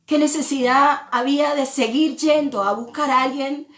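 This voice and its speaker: A woman pastor from Argentina, preaching a sermon in a slow, reflective way and often repeating words as she thinks. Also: high-pitched, steady tone, a bit bright, roomy sound.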